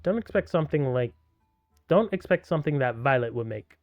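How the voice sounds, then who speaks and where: A man reading aloud the lines of a caring young woman character in a video game, gently and plainly. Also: medium pitch, animated, brisk, no echo, lo-fi sound, faint music behind, close to an everyday voice. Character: caring young woman friend who patches him up.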